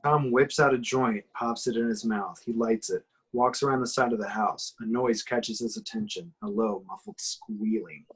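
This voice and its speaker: During a home table read of a horror screenplay, a man with a husky, mid-pitched voice narrates the action, reading the scripted directions scene by scene. He sounds expressive, goes at a normal speed with few pauses, and the audio is poor.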